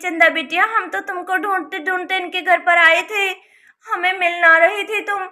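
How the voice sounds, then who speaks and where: A woman voicing a fretful, high-voiced village auntie. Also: fairly even intonation, normal speed, bright, forceful tone. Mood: fussing. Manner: rustic speech, worried and scolding. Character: fretful older village aunt, fussy and talkative. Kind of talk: Hindi doll-story voice acting.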